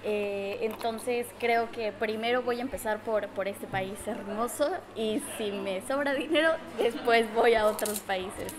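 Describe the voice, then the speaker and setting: A woman's voice: a little high, fairly even intonation, measured pace, few pauses. A young woman with a Mexican Spanish accent, a native Spanish speaker, chatting in an interview as an exchange student. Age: young adult. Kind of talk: casual interview in Spanish with some attempts at Portuguese. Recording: busy chatter of people behind. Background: crowd chatter.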